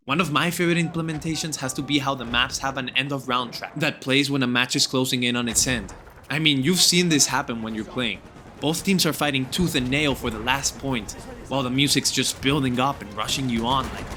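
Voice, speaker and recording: A man's voice: medium pitch, pushed and bright. A young man narrating a scripted gaming video in an enthusiastic, gushing and informal way.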